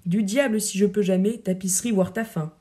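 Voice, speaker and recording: Woman voicing proud teasing poet guy who's dying, audiobook play, mellow voice, wry lyrical verse. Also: medium pitch, fairly even intonation, brisk, natural voice. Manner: gently mocking, lyrical verse delivery. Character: aging male poet-soldier, proud, teasing, secretly dying. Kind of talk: audiobook reading of verse drama.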